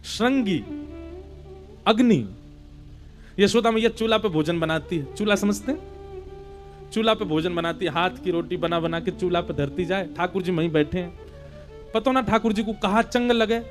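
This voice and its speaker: High-voiced male devotional storyteller. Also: normal speed, long pauses, soft background music. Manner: animated storytelling with rustic dialect. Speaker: katha preacher.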